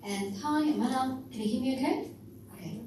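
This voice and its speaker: A woman's voice: high voice, fairly quick. Woman speaking in an echoey hall. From Poland. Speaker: conference speaker. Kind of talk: conference talk. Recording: echoey hall, distant mic, noisy.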